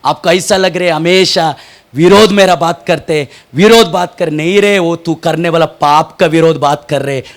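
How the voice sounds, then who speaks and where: A man preaching a fervent sermon as pastor, moving between shouted peaks and hushed asides, often asking questions and answering them himself. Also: on the high side, moderate pace. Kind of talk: impassioned Hindi sermon.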